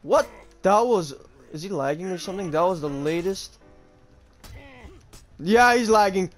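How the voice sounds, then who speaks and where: A male gaming YouTuber with a slightly high-pitched voice commentates on his matches as he plays. His delivery is casual and slangy, peppered with curses. Some music plays behind him. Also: normal speed. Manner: informal, slangy and sweary. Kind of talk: casual live gameplay commentary.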